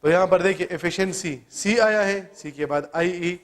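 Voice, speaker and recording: High-voiced man teaching spelling rules. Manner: asks questions then answers them, spells out letters. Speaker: English teacher. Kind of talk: classroom grammar lesson.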